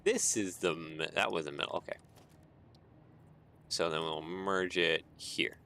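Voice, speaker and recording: Deep-voiced tired man thinking aloud. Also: a little slow, slight background noise. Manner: thinks aloud, chuckles often, relaxed rambling. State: tired, yawning. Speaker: game streamer. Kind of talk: casual gameplay commentary. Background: soft background music.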